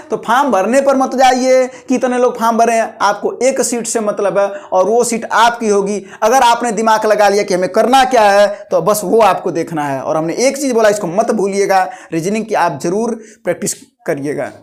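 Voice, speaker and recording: A man's voice: sits high, normal speed, few pauses. Coaxing man teaching. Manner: repetitive, coaxing, colloquial exhortation. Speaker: coaching teacher. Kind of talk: exam guidance talk to students.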